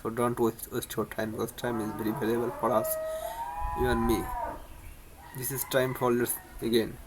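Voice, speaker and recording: Stumbling man teaching English, flat delivery. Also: mid-range voice, normal speed, background noise. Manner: repetitive, many restarts and stumbles. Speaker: English teacher, channel host. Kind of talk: casual spoken lesson.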